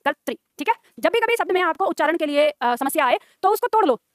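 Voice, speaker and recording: Woman teacher, brisk class lecture, quick delivery, dry close sound, quizzes students often. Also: very high-pitched, animated, dry recording. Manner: brisk, coaxing, repeats "ठीक है" and quizzes students. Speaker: Hindi grammar teacher.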